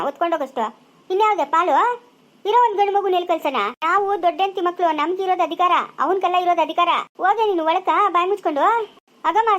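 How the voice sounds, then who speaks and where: A woman acts an indignant village wife and daughter of the house in a homemade family drama. She scolds in a very high, piercing voice with a rural Chikkaballapura Kannada accent. She talks quickly and never lets up. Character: quarrelsome village woman fighting for her family rights.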